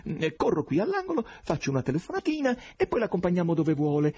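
Brief: anxious placating editor, husky and raised in pitch, as a male reader puts him on. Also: wildly swooping pitch, fast, darkish tone, full character voice. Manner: soothing, nervous.

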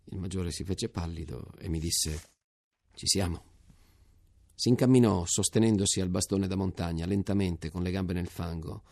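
Brief: low-voiced man with gravel in his tone, steady literary reading, dry studio sound. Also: no room sound. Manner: measured, sober storytelling. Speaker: reader.

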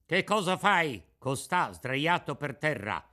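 A man's voice: fairly high pitch, sing-song, slow pace, pushed and bright, exaggerated voice. A man voicing stern military policemen who give curt, commanding orders in a dramatic radio reading.

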